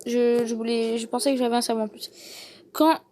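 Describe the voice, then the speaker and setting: Excitable woman gamer, higher-pitched, noisy recording. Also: fairly quick. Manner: thinks aloud, addressing viewers. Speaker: gaming video host. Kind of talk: casual live gameplay commentary. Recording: noticeable background noise.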